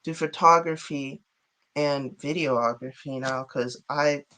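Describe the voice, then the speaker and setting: A chatty, giggly man from Chicago talks about his art as an interview guest. His voice sits a bit high, with a bright, forceful edge and a smooth, clear tone. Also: steady tone, slow. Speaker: guest artist and rapper. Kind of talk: casual interview chat.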